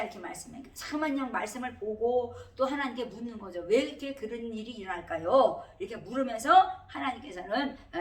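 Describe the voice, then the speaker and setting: A middle-aged woman pastor preaching with a fairly high voice. She talks in a chatty way and often rises into emphatic exhortations. The recording is roomy and echoey, and she sounds set back from the microphone. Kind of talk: sermon. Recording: roomy echo, heard from a distance.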